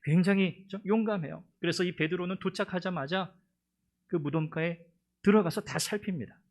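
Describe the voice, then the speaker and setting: A man's voice: sits high, normal speed. Emphatic storytelling male pastor. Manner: storytelling with rhetorical questions to the congregation. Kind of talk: sermon.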